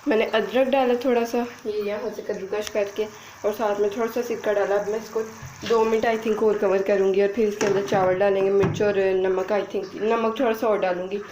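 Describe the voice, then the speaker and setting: A woman's voice: medium pitch, little pitch movement, normal speed, darkish tone, a little hiss or hum, rough recording. A young woman casually talking viewers through cooking in her home kitchen, chatty and giggly. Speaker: vlogger.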